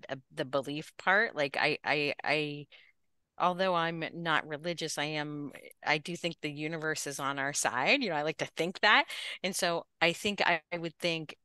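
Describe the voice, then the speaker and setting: A woman's voice: sits low, sharp tone, smooth, no echo, clean studio sound. A woman taking part in a workshop call, sharing her thoughts in a reflective, hesitant way. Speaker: workshop participant. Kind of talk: casual sharing in a group call.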